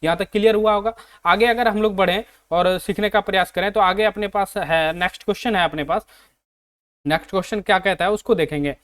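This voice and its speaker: A man's voice: sits high, a bit bright, clear, resonant tone. Indian man teaching, asks and answers himself. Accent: Hindi. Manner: repeats questions to students and answers them himself; reads English sentences out slowly. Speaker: English teacher. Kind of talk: exam-prep lesson.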